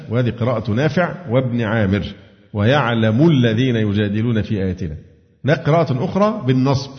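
A man with an Egyptian accent teaching a Quran commentary lesson, asking his students questions and answering them himself. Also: mid-range voice. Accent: Egyptian Arabic. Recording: dull lo-fi recording with long hall reverb.

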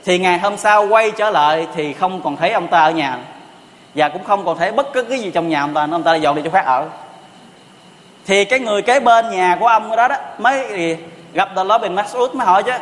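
A man's voice: high voice, a little fast, a bit bright. A man giving a storytelling sermon, asking rhetorical questions and repeating pious exclamations. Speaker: preacher. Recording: long reverb of a hall.

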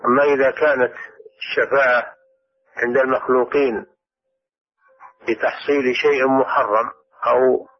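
A man, a scholar, calmly answering listeners' religious questions on a radio program. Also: mid-range voice, moderate pace, long pauses. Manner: calm, explanatory. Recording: dull radio recording.

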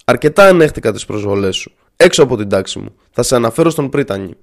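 A man's voice: medium pitch, lively intonation, natural voice. A man voicing a proud, hot-tempered male professor who snaps indignantly. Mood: angry. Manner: indignant outbursts.

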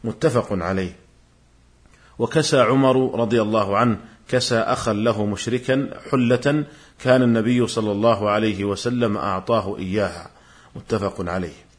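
Low-voiced man lecturing in formal standard Arabic. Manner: formal, measured, citing quotations. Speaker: religious lecturer presenting a programme series.

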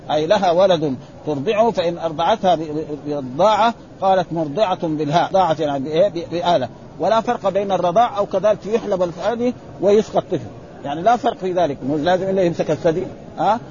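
A man's voice, high and darkish in tone, carries a religious lesson: he reads classical texts and then explains them colloquially, peppering his talk with "ha" and correcting himself often. The recording is slightly dull and lo-fi, with a faint hiss or hum.

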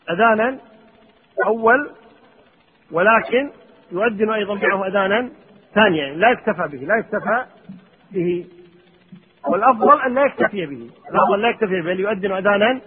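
Husky, fast-talking teacher in an echoing hall. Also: male voice, high-pitched. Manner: reads a line of text, then explains it with questions to students. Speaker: Islamic jurisprudence teacher. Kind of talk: explaining a fiqh text. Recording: tinny phone-like audio with long hall reverb.

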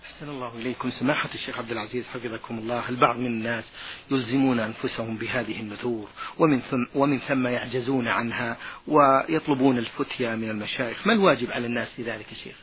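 A man's voice: medium pitch, steady tone, very fast. A man presenting a radio programme in formal standard Arabic, addressing guest and listeners as host. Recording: dull lo-fi radio recording, faint noise.

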